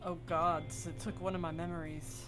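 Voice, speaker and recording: A woman's voice: on the low side, level tone, moderate pace, music in the background. A woman playing a tabletop game, speaking in character as a player. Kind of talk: in-character tabletop role-play.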